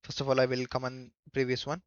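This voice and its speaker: A man giving a coding tutorial in a halting way, thinking aloud as he goes. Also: medium pitch, completely flat delivery, dry recording. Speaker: programming tutor. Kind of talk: screen-recorded coding tutorial. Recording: dull lo-fi microphone.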